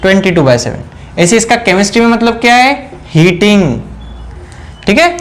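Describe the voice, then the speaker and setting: A man teaching a whiteboard science lesson, asking questions and answering them himself, repeating key terms slowly. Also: sits high, sing-song, a bit bright, a little hiss or hum. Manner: mixes in English phrases, repeats key words slowly. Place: indoor room.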